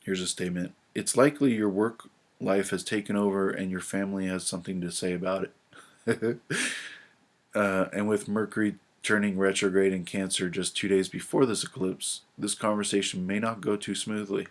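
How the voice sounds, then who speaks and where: An astrology video presenter with a stuffed-up, nasal voice from a cold talks casually to camera, reading from his notes with many ums and restarts. His voice is deep and steady, at normal speed.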